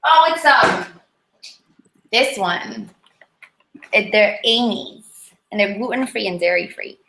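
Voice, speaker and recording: A woman with a Polish accent chatting casually and informally, in an animated, rambling way, as an interview guest. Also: mid-range voice, slow pace, slight background noise. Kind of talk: casual chat about diet. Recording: echoey, roomy sound.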